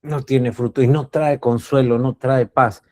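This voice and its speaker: A man's voice: mid-range voice, fairly even intonation, measured pace, a little mellow. A man from Cuba, giving a reflective spiritual teaching talk as a coach. He speaks earnestly, repeats his key words and asks rhetorical questions.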